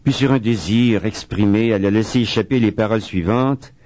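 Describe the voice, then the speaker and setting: A man giving a spiritual talk as a preacher, reading quotations slowly and solemnly and adding chatty asides. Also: on the low side, a little mellow, no room sound. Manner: reads quoted writings slowly and solemnly, adds chatty asides. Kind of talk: spiritual talk on a saint's life.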